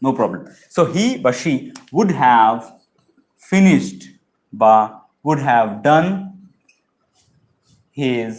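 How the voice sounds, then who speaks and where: Male online English tutor, Bengali accent, slightly raised pitch, deliberate repeating explanations. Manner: mixes English into explanations, self-correcting, repeats examples slowly. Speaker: English teacher. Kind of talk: online grammar lesson.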